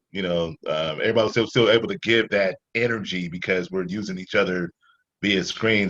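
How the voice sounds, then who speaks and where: Deep-voiced man on dull call audio. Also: a bit bright. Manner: blunt, repetitive. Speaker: cast member on a panel. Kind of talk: casual panel discussion. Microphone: video call.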